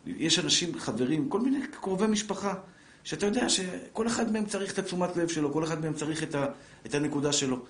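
A middle-aged man leads a religious class before a live audience. His voice sits somewhat high, and he is lively and joking as he speaks straight to his listeners and acts out little family scenes. The recording carries the echo of the room. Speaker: Torah teacher. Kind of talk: live Torah lesson to an audience. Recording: echoey room.

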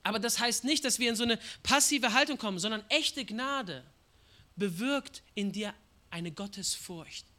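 Guy preaching, bright edgy voice, goes from soft to yelling, acts out voices. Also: high voice, moderate pace. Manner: impassioned, swings from hushed to shouting; acts out quoted prayers and voices. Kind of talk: sermon.

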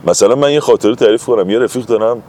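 A man's voice: mid-range voice, warm tone. A man talking as a guest in a casual conversation, telling anecdotes in an emphatic, chatty way.

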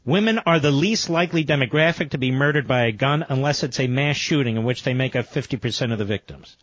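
A man's voice: quick pace, fairly bright tone, dry recording, dull audio. An American man, a talk radio host, delivering an emphatic infomercial-style read. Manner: emphatic sales pitch, repeating offers and phone number.

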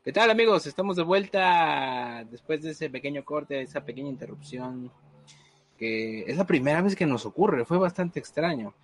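A man's voice: fairly high pitch, expressive, normal speed. A man hosting a casual podcast chat, hesitant and full of fillers. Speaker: podcast host.

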